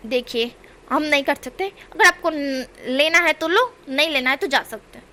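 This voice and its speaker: A woman voicing a stubborn male vegetable seller who firmly refuses to lower his price. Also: moderate pace, pushed and bright. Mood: firm, exasperated.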